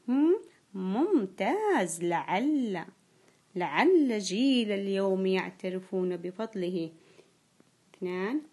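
A woman playing a primary school teacher leads an online grammar lesson. She draws out key words slowly and says them twice. She quizzes the children and praises each answer. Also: on the high side, dark tone. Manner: slow, drawn-out repetition of key words; frequent praise and quiz questions to pupils.

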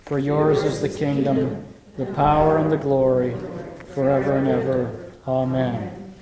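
A man serving as pastor, leading the liturgy and preaching in a measured, emphatic way, heard in a long cathedral-like echo. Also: mid-range voice, flat delivery, crowd noise. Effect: long cathedral-like hall echo. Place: church sanctuary. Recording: reverberant sanctuary with congregation. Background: congregation.

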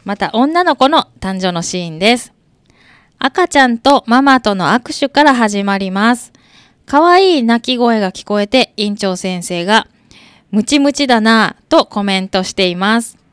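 A woman hosting a community radio show, introducing recorded birth scenes in a gentle, chatty way with soft laughs. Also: medium pitch, expressive, unhurried, clear, resonant tone, no room sound. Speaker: radio host. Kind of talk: scripted radio presentation. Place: radio studio.

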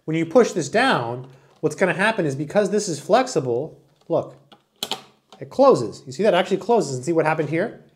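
A man in his forties with a slightly high voice chats through a casual product review. He sounds enthusiastic and hands-on, demonstrating as he talks, recorded close on a camera mic in a small room. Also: sing-song, normal speed. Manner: chatty, enthusiastic, demonstrating while talking. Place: small indoor room with wood-panel wall.

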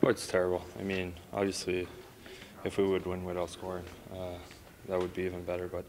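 A man's voice: low-pitched, monotone, fairly quick, noisy background. A man in his twenties, a hockey player, answering reporters in a plain, matter-of-fact way. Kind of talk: post-game media interview.

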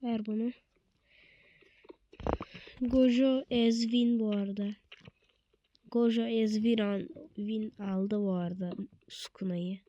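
A woman's voice: mid-range voice, fairly even intonation, takes it slowly, long pauses, mellow, muffled recording. A woman giving casual gameplay commentary as a streamer, swearing constantly in short blunt exclamations and slangy street talk.

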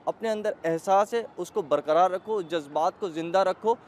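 High-voiced man reviewing a film poetically. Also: moderate pace, a little mellow. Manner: poetic, emotional, mixes Hindi and English. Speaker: moviegoer giving a film review. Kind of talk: street vox-pop interview. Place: outdoors on a city street. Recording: faint street noise outdoors.

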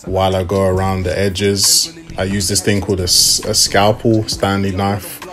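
Low-voiced young man explaining. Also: normal speed. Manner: relaxed, step-by-step explaining with fillers. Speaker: fashion DIY vlogger. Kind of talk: casual tutorial voice-over. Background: hip hop music.

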